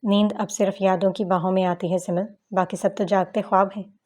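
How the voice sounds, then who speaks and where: A woman reading an audiobook novel, voicing a serious, gentle young man who gives calm advice. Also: medium pitch, fairly quick, lightly acted. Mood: consoling. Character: calm, wise young man comforting a friend.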